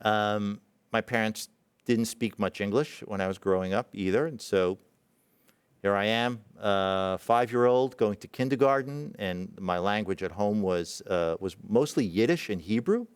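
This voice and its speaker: A middle-aged man from Israel speaks in a low, smooth and resonant voice. He tells a personal story haltingly and reflectively, with many fillers and restarts. The sound is dry and close, with no room echo. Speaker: presenting physician.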